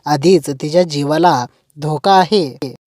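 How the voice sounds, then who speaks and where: A woman's voice: deep voice, takes it slowly, a little mellow, no echo, studio quality. A woman voicing a worried mother who defends her daughter. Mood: defensive. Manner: pleading, defensive. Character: anxious protective mother.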